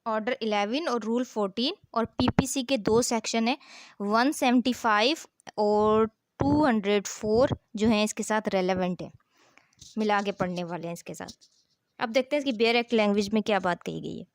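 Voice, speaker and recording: Explaining and reading aloud like a teacher, this female law lecturer keeps a didactic style, raising questions and supplying the answers herself. She has a mid-range voice and a moderate pace.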